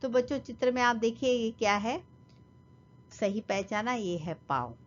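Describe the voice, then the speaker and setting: A woman's voice: on the high side, animated, a little slow, muffled recording. A woman teaching a children's lesson, patiently spelling words out for young kids.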